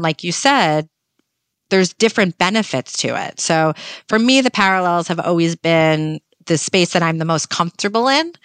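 A woman's voice: fairly low pitch, fairly bright tone, no room sound, clean studio sound. A woman in her thirties, a podcast guest talking in an upbeat, pragmatic and emphatic way. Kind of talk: podcast conversation.

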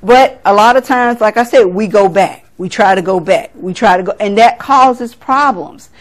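A woman's voice: medium pitch, moderate pace. A middle-aged woman from South Carolina preaching a sermon, earnest, laughing at herself and acting out family conversations.

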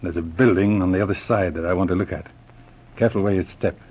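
Terse Inspector Blair, muffled old radio. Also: male voice, deep voice, steady tone, quick pace, breathy edge. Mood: cautious, businesslike. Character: resolute police inspector, cool and shrewd. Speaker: radio drama actor. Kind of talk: 1940s radio adventure serial acting.

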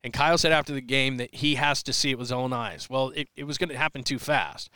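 A man's voice: mid-range voice, fast talker, pushed and bright, clean tone, no room sound, clean studio sound. A middle-aged man hosting a sports talk show, chatting loosely and rambling with many restarts as he answers a listener's question. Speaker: sports radio host. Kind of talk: live podcast chat answering listener questions. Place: press area at a big sports event.

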